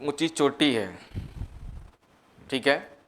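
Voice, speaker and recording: A man's voice: mid-range voice, lively intonation, extremely slow, fairly bright tone. A man teaching a geography class. He quizzes students and answers his own questions, dictates notes by repeating terms, and mixes in English phrases. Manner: asks students questions and answers them himself. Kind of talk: coaching class lecture.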